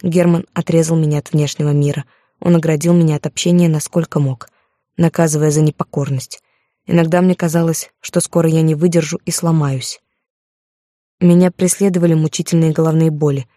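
A woman's voice: low-pitched, steady tone, brisk, mellow, no room sound, studio quality. A woman narrating a first-person audiobook with a dramatic, emotional reading.

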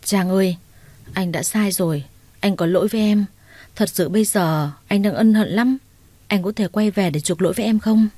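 A remorseful young man begs in a soft, pleading way, as a woman reads him in a storybook narration. The voice is mellow and warm. It is recorded dry and close, with no room sound. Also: mid-range voice, normal speed, no room sound, natural voice. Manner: pleading, clingy.

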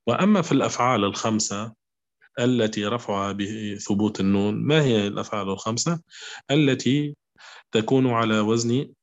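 A man teaching a grammar lesson, speaking slowly and repeating his examples, often checking with the class whether it is clear. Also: lowish voice. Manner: slow, repetitive, asks "clear?" often. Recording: dull lo-fi recording.

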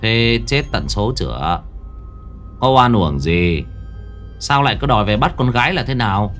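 A man's voice: fairly low pitch, lively intonation, moderate pace, fairly bright tone, faint music behind. A man voicing a stern male spirit medium who scolds the family and questions a ghost. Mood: commanding. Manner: scolding, brusque.

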